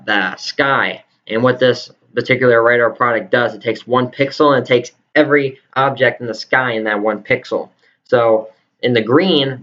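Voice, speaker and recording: A man works as a live storm forecaster, talking through radar in an improvised, explanatory way. His pitch sits in an ordinary middle range. The recording is slightly dull and lo-fi. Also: fairly bright tone. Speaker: live severe weather forecaster. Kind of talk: live weather radar commentary.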